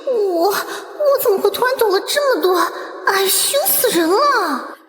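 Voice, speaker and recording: A woman voicing a flirtatious nine-tailed fox spirit in an animated comic, pleading and stammering. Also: very high-pitched, measured pace, no room sound, full character voice. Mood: embarrassed.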